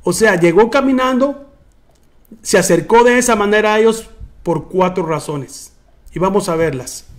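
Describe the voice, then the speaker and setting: Man pastor, high-pitched voice, preaching, repeats brother a lot, restarts sentences. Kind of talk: sermon.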